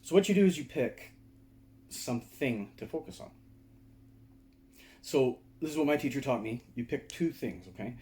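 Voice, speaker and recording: Male meditation teacher, mellow mid-pitched voice, easy conversational lecture to camera, keeps checking in with listeners. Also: lively intonation, moderate pace, long pauses. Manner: conversational, explains with frequent "right?" and "okay?" check-ins. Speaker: meditation and martial arts teacher. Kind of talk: casual video lecture to camera. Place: indoors, seated.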